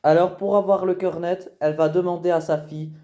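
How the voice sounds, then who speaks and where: A man's voice: fairly even intonation, brisk, mellow. Man doing mock reality-show narration. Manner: lowered, dramatic announcer tone. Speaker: parody narrator.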